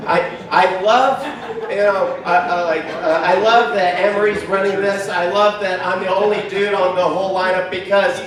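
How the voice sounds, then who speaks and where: A man's voice: high voice, steady tone, moderate pace, a crowd in the background. A man doing a stand-up comedy set on a brewery stage, rambling and self-deprecating, with constant fillers. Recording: echoey room heard from far off.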